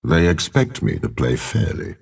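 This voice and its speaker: Voicing lines for a video game, an actor plays a cold, scheming older warlord and spymaster. His deep male voice is gravelly and husky, delivered in a measured, haughty, menacing way that stays calm and scheming. The performance is very animated and exaggerated, with a darkish tone.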